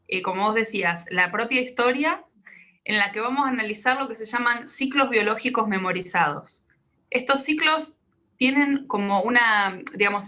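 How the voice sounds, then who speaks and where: A woman, a practitioner calmly explaining her method step by step in an interview. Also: a little high. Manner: calm, patient, explains step by step. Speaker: guest, biodecoding practitioner.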